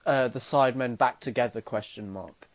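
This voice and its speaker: A man's voice: medium pitch, moderate pace, no echo. A young man with an Irish accent co-hosting a podcast, cracking dry jokes and hesitating with fillers. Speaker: podcast co-host. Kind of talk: casual chat. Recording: dull lo-fi dry sound.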